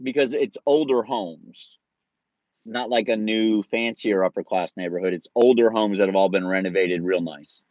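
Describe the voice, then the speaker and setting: A man's voice: lowish voice, moderate pace, darkish tone, no room sound, highs cut off. A man in his forties casually telling a story to his viewers, laid-back, laughing and swearing freely. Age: 40s. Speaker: streamer.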